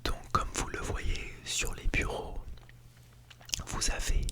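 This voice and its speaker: This ASMR artist plays a teacher at an ASMR school and delivers a gently playful lesson slowly, in a soft, breathy, unvoiced whisper. A Blue Yeti in binaural mode records it from close range.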